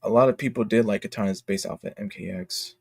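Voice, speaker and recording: A man hosts a casual livestream about games, chatting emphatically with strong opinions and slang like "dude" and "bro." His voice is fairly low, gravelly, darkish and slightly rough, and he talks fast. The recording is dry.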